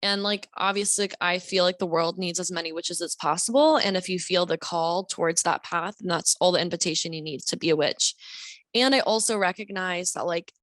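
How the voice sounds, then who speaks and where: Her voice sits on the low side, a bit bright and fairly quick: a young guest author from the US Deep South chatting on a casual podcast. She wanders reflectively through her thoughts, leaning on fillers, in a dry recording.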